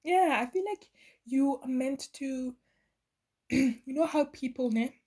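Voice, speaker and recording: Soft husky woman giving a tarot reading. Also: high voice, slow pace. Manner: meandering, earnest, many fillers and restarts. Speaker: tarot reader.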